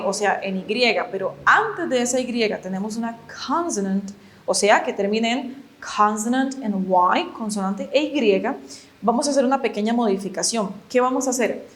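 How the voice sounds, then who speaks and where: A fairly high-voiced woman, a native Spanish speaker, leads a video lesson on English grammar. She moves through the rules patiently, one step at a time, and keeps checking that her students follow. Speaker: English teacher.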